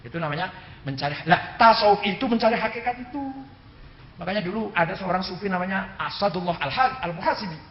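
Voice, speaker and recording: Brief: male preacher, high lively voice, quick delivery, slight tinge, echoey muffled hall. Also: slight background noise. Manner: animated, mimics dialogue for humor, quotes Arabic. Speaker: Islamic cleric lecturing. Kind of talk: religious lecture to an audience.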